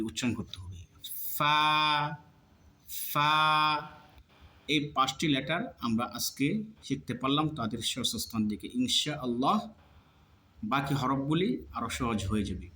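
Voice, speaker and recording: A man's voice: mid-range voice, bright, forceful tone, echoey room. A man teaching Arabic letter pronunciation step by step, patiently drilling each sound with many repetitions in a colloquial way. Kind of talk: slow step-by-step lesson.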